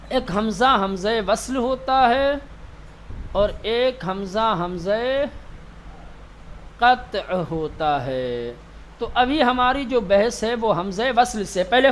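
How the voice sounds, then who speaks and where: A man's voice: high-pitched, slight background noise. A man, a religious teacher, giving a classroom lesson, repeating terms and asking and answering his own questions. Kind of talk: classroom lesson on Quranic reading.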